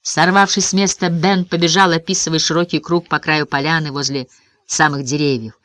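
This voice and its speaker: A man narrating a first-person story as an audiobook reader, expressive and vivid. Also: fairly high pitch, fairly quick, no echo.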